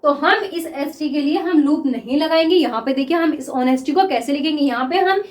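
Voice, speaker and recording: A high-pitched woman gives a classroom lesson, drawing out example words as she writes them and checking in with her students again and again. The room rings with a noticeable echo. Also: darkish tone. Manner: repeats words slowly while writing, asks 'clear?' often. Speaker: shorthand teacher.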